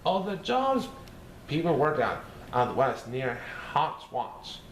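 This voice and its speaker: A man's voice: fairly high pitch, sing-song, slow pace, a bit bright, heavily acted. A man voicing a playful, mischievous male cartoon cat, reading a rhyming storybook in a sing-song, bouncy way. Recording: roomy echo, faint hiss.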